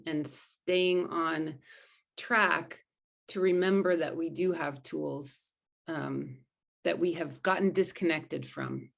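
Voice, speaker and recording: A woman with a low voice and a gravelly edge talks earnestly as a spiritual coach being interviewed. She is thoughtful and often circles back to rephrase her words. Her delivery is steady and reflective. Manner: earnest, thoughtful, with frequent restarts. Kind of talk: conversational interview answers.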